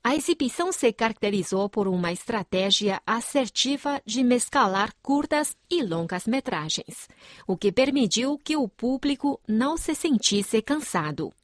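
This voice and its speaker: A woman's voice: fairly high pitch, animated, a little slow, no room sound. Woman reading a news report, dry sound. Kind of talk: scripted news narration.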